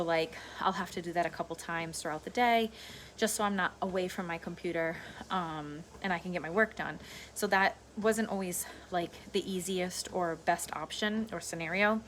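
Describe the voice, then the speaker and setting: A middle-aged woman chatting casually to her audience as a solo vlogger, informal and meandering, often repeating herself. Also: on the low side. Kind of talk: casual rambling solo vlog chat. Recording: clear steady background noise.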